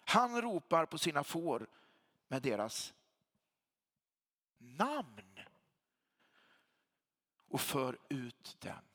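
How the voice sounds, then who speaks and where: A man delivers a sermon with a bright, slightly raised voice that rises and falls in wide, animated swings. His tone is a little husky, and he leans on repetition to drive points home. The sound carries a long hall reverb, as in a church. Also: fairly high pitch, long pauses. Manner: emphatic preacher, repeats phrases for weight. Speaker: pastor.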